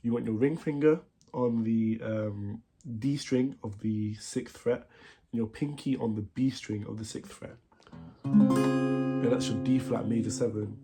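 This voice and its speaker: A man with a cold, sounding nasal and congested, teaching a guitar song in a halting, casual way with many fillers and self-corrections. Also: lowish voice, steady tone, warm tone. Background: guitar playing.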